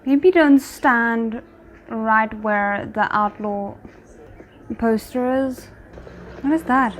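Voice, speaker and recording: In a low-quality recording, a woman with a fairly high voice speaks very slowly while hosting a reaction video. She comments casually on a drama, exclaiming and musing aloud in short remarks.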